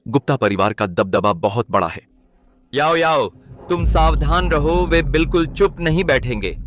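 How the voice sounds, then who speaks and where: A man's voice: a little high, expressive, moderate pace, a little hiss or hum, lightly acted. A man dubbing a protective uncle who warns and reassures his niece. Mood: worried. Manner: earnest, reassuring. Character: protective uncle, steady and caring. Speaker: dub actor. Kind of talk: Hindi drama dub.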